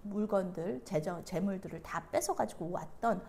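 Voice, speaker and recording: A woman's voice: medium pitch, normal speed, dark tone, a little hiss or hum. A woman pastor giving a sermon, retelling the story with animation and acting out the characters.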